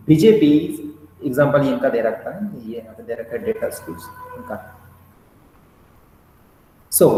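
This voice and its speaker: A man's voice: mid-range voice, darkish tone. A man giving a classroom lecture, explaining step by step and putting questions to his students, with English phrases mixed in. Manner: explains with repeated questions and "bhai sahab" asides, mixing English phrases. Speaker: teacher. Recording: echoey hall with faint noise.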